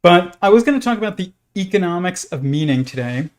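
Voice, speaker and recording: A man hosting a casual livestream in a halting, rambling way, with pet lizards scratching in the background. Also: high voice, expressive. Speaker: live stream host.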